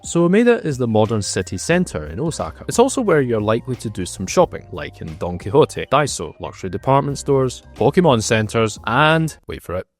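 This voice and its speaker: A man's voice: medium pitch, big pitch swings, brisk, hardly any pauses, soft background music. A man in his thirties narrating a travel vlog, with wry, sarcastic asides and playful emphasis. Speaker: travel vlogger.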